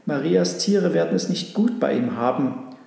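A man's voice: on the high side, animated, moderate pace, creaky, warm tone, heavy reverb, in a large hall, voice pushed up. A man voicing an overworked woman in a storybook who laments and pleads. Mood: lamenting. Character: overworked woman, Mary's sister.

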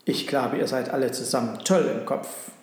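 A man voicing a calm, faithful traveler who speaks with steady assurance in a storybook reading. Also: mid-range voice, moderate pace, very echoey, natural voice. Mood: firm.

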